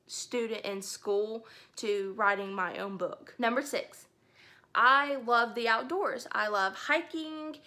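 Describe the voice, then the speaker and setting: Sitting indoors by her bookshelves, a twenty-something Alabama book vlogger talks casually about herself to the camera. Her voice is fairly high, pushed, and bright, and her manner is chatty, upbeat, and enthusiastic.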